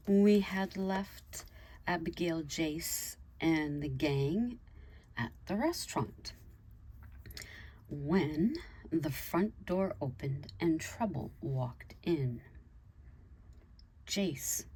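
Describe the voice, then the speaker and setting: A woman reading her own story aloud in a plain, unhurried way, lifting her voice for the characters' dialogue. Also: deep voice, slightly rough.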